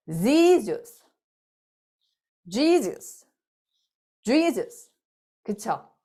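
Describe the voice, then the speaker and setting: A phonics lesson is led by a middle-aged woman with a mid-range voice who talks casually. Modeling each sound, she says it aloud several times and explains at a slow pace.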